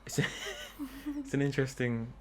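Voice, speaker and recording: A man's voice: mid-range voice, wildly swooping pitch, normal speed. A young man hosting a let's play, giving casual, rambling commentary with dry jokes. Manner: dry joking, rambling asides.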